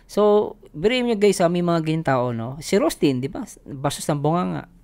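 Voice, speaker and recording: A man's voice: on the high side, animated, moderate pace, vocal fry, a little mellow. A man from the Philippines hosting a vlog, chatting casually with viewers and laughing often as he talks. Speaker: vlogger host. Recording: noisy recording.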